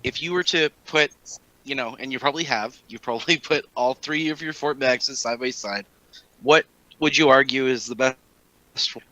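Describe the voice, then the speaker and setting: An easygoing man in a casual podcast chat, asking friendly questions at a middle pitch. His voice sits in an ordinary, unremarkable register. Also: normal speed, pushed and bright, no room sound, poor audio. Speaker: podcast co-host.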